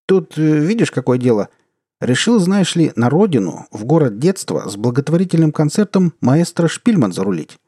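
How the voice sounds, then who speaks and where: A man's voice: a little high, big pitch swings, moderate pace, warm tone, slightly rough, no echo, clean studio sound, voice pushed up. A man voicing a pushy, over-familiar male official who talks on the phone. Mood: chummy. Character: chummy, pushy male deputy minister.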